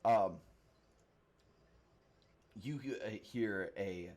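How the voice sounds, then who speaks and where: A man narrating a tabletop game as game master in a casual, halting way. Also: on the low side, a little mellow. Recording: faint background noise.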